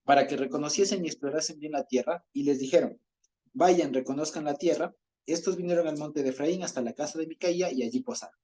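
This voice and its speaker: A man leads a Bible study in a fairly high, mellow voice. He reads passages aloud, chuckles as he explains, and keeps checking that his group is following. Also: quick pace.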